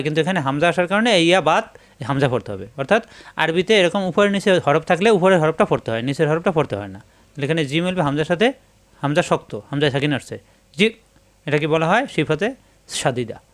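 A man with a Bangladeshi Bengali accent teaching Quran reading step by step, patiently repeating each syllable and rule. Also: a little high. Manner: patient, repetitive drilling of syllables.

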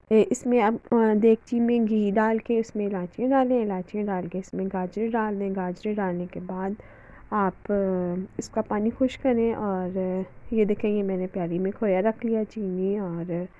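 A woman's voice: medium pitch, highs cut off. Chatty woman cooking host. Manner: chatty, homely, with religious greetings and fillers. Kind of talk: home cooking tutorial voice-over.

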